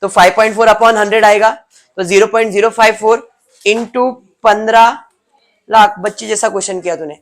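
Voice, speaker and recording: A man's voice: sits high, steady tone, brisk. A male teacher gives a classroom lecture, explaining step by step and teasing students by name.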